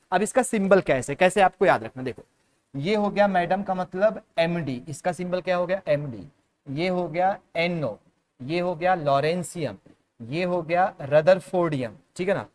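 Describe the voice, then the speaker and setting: A man with an Indian accent teaching chemistry to students, drilling a memory trick with lots of repetition and calling the students "beta". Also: fairly high pitch. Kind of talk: classroom lecture in Hindi-English mix.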